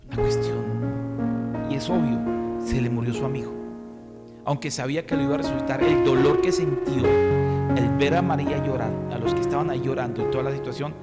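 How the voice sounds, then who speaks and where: A male pastor from Colombia preaching a sermon, asking the congregation questions and reading scripture aloud. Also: medium pitch. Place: church hall. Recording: reverberant church hall with music. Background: music.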